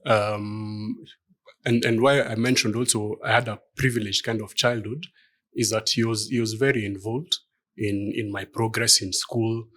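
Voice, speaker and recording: A man's voice: fairly low pitch, steady tone, moderate pace, fairly bright tone. A middle-aged man from Kenya, a law firm partner answering interview questions in a thoughtful, hesitant way with many fillers. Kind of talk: conversational interview.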